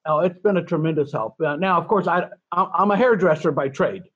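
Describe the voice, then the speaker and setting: Rambling and self-deprecating, a chatty Californian man in his sixties talks as a guest in a relaxed interview, moving fairly quickly. His voice sits a little high for a man, a bit bright and husky. The room is dry with no echo, and the recording sounds dull and lo-fi.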